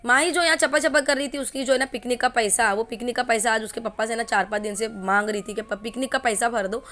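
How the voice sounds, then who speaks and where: Talking from her home kitchen, this family vlogger, a woman in her forties, rambles chattily with lots of filler words. She speaks quickly in a slightly high, somewhat bright voice with fairly even intonation, and there's a little hiss or hum on the track.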